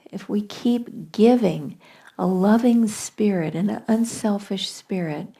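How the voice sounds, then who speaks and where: Slow, mellow-voiced woman teacher. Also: medium pitch. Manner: gentle, measured, often drops to a soft near-whisper. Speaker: spiritual teacher. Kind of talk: reflective spiritual talk with storytelling.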